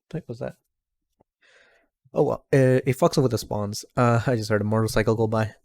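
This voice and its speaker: A man's voice: mid-range voice, brisk, gravelly, darkish tone, no echo, clean studio sound. A man talking casually as a streamer reacting to a video, rambling and repeating himself. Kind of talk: casual live reaction commentary.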